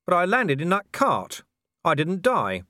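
Vimes, a gruff guard captain pushed to his limit, his voice pitched up and straining, firing off questions with rising disbelief, as a man plays him. The recording is close and dry. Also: wildly swooping pitch, a little slow, bright, forceful tone, dry recording, full character voice. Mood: urgent. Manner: urgent, strained, incredulous. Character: anxious male city guard captain Vimes. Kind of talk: audiobook character voice.

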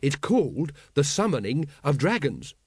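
A man's voice: fairly high pitch, big pitch swings, normal speed, slightly rough, no room sound, clean studio sound, full character voice. A man voicing an eager, earnest young male watchman, keen and upbeat.

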